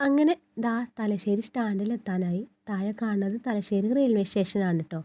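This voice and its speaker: A woman narrates a casual travel vlog while riding on a bus. Her voice is very dark and mellow, and a cold has left it stuffy and congested. She chats in a friendly, homely way, tacking small asides onto her sentences. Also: medium pitch, brisk, dry recording. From north Kerala. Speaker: travel vlogger.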